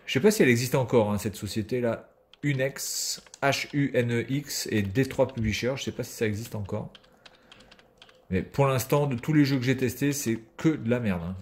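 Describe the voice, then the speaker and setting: A man's voice: mid-range voice, moderate pace. A man giving casual video game commentary as a streamer, sarcastic and swearing freely.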